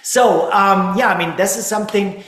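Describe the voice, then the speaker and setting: Male webinar host, slightly higher voice, chatty presenter with lots of "right?", echoey room. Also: normal speed, a bit bright. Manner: chatty, many tag questions and restarts. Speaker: webinar host, dental lab co-owner. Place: dental laboratory.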